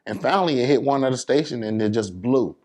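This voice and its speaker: A New Yorker guesting on an interview talks fast in a mid-range, darkish voice with lively intonation. His American speech is casual and colloquial, full of check-ins like "you know what I'm saying".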